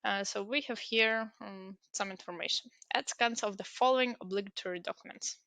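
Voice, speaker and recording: Speaking fairly quickly in a gravelly, sharp mid-range voice, a young native Ukrainian woman presents a tutorial. She talks through an online application step by step with many hesitations and fillers. The screen-recorded walkthrough is a dry recording.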